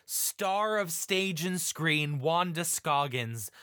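A man's voice: on the high side, animated, takes it slowly, bright, forceful tone, clear, resonant tone, no room sound, studio quality. A man running a tabletop game as game master, narrating the improvised action in a theatrical, playful way.

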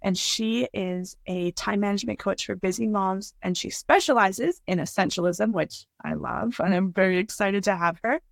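Eager woman host, gravelly voice. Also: medium pitch, moderate pace, hardly any pauses, no echo. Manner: friendly, eager questions. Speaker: podcast host. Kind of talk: interview hosting.

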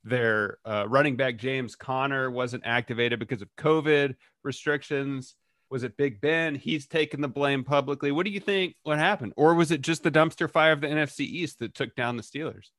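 A man hosting a casual sports chat, relaxed and joking, telling his own football stories. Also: medium pitch, normal speed, no echo, clean studio sound. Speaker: host.

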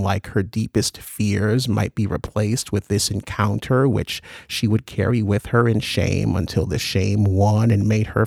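A man narrating a dark story in a measured, unhurried audiobook read, recorded close and dry. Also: on the low side, vocal fry, dry recording.

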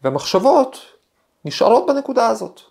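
A man's voice: extremely high pitch, sing-song, creaky, a little mellow. Reflective man telling stories. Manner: thoughtful, storytelling, frequent hesitations. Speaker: podcast host, professor. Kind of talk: reflective podcast monologue with personal anecdote.

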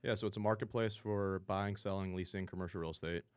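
A man's voice: low-pitched, steady tone, quick pace, clear, resonant tone, no room sound. A man answering casually as an interview guest, a company founder talking in informal business speak.

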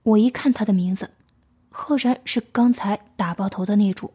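Storyteller: woman, breathy and mellow, reads in a hushed half-whisper. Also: mid-range voice, normal speed. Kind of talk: story reading.

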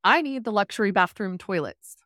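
Speaking fairly quickly in a bright, forceful, mid-range voice, a woman tells a frank story on a podcast, animated throughout. She's a rural entrepreneur, recorded with clean studio sound and no room noise, who peppers her talk with "like" and acts out what people said.

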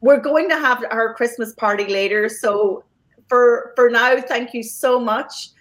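A woman's voice: fairly high pitch, a little slow, rough recording. Chatty woman hosting a podcast. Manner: warm thanks with fillers and restarts. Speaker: podcast host. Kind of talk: casual podcast chat.

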